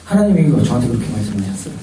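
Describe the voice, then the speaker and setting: A young man, a trainee missionary, giving an animated testimony to a church congregation and acting out the lines of the people in his story. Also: medium pitch, rapid-fire, slight background noise. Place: church sanctuary. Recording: echoey church from far off.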